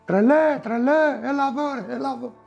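A man voicing a reckless male horse-race gambler with a high, shrill voice and brash street slang. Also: vocal fry, a little mellow, muffled recording, soft background music. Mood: calling out.

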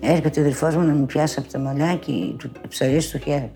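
An older woman's low-sitting voice carries an animated tale from her youth as soft music plays behind her. She voices the people involved, quoting them and adding "she says" again and again.

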